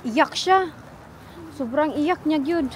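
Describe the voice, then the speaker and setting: A pregnant mother tells family stories in a casual, chatty vlog while out walking with her kids. Her voice sits high, and she switches easily between languages. The recording is echoey and buried under loud outdoor noise. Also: expressive, slow pace. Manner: chatty, storytelling, mixes languages. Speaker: vlogger mother.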